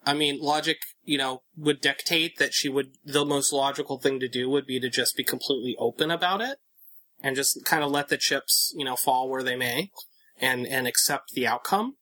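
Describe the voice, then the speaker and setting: A man's voice: mid-range voice, moderate pace, sharp tone. A man co-hosting a casual podcast chat, thinking aloud with many fillers and restarts. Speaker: podcast co-host.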